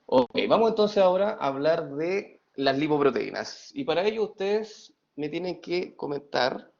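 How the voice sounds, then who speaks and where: Man, teacher, online lecture, gravelly, slightly high voice, dull audio. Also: animated, moderate pace, a little mellow. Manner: reads student chat aloud, playful. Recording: dull lo-fi sound.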